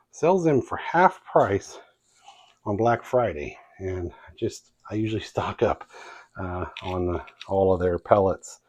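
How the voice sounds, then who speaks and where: A man's voice: lowish voice, a little mellow. A man with a Midwestern accent casually showing how he cooks in his home kitchen, talking in a folksy, hesitant way with lots of fillers. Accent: Midwestern American. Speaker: cooking channel host. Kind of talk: casual cooking demonstration.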